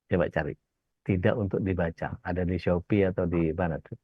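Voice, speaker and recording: Brisk and husky, this low-pitched male voice keeps a fairly even intonation as the preacher tells stories in a casual religious talk. He acts out the quoted characters, and the lo-fi recording is dull, dry and echo-free.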